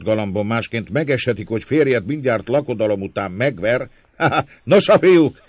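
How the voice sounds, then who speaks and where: A man's voice: medium pitch, no echo, pitched above the performer's own voice, natural voice. A man voicing a jeering coarse friar. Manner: taunting, gloating, sneering mockery. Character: coarse mocking male friar, cruel jester. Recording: dull lo-fi, dry sound.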